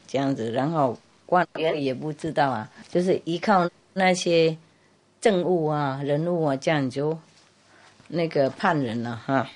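A woman's voice: deep voice, darkish tone. A woman Buddhist master telling a humorous story in a chatty way, laughing and repeating herself.

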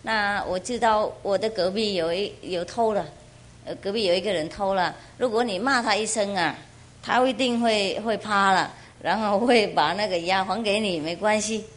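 A woman's voice: medium pitch, normal speed, natural voice. A woman telling a story voices a remorseful male thief who pleads and apologizes. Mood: sly.

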